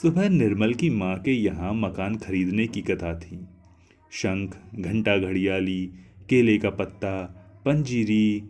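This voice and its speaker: A man narrating a literary short story in a slow, measured reading. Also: on the low side, darkish tone.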